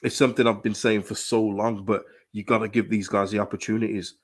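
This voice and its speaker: This football fan channel host speaks fairly low and fairly quickly, his voice hoarse from a dry throat. On a live stream he reads chat and comments on his club in an animated, emphatic way, with frequent restarts and repeated phrases.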